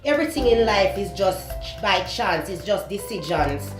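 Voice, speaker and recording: Speaking candidly to the camera in her home kitchen, a young beauty vlogger with a Jamaican accent, whose first language is Patois, keeps an animated, medium-pitched tone. She often stops to search for words. The camera is close to her face, and the kitchen echoes over background music.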